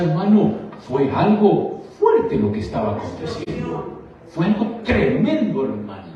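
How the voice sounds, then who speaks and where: A male pastor preaching fervently, calling listeners brother and asking rhetorical questions, swinging from quiet lines to loud exclamations. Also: fairly high pitch. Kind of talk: sermon. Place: church sanctuary. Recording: echoey church hall, distant mic, slightly dull.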